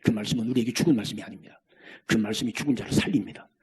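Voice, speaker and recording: A man preaching a sermon as pastor, swinging between near-shouts and hushed whispers. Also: lowish voice, racing, slightly rough.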